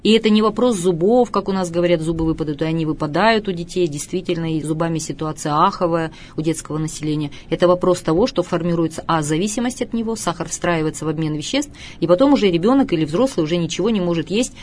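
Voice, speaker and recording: A middle-aged woman speaking as an expert guest, lecturing emphatically and slowing down to stress her points. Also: fairly low pitch, a little mellow, slight background noise. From Russia. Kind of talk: studio talk show interview.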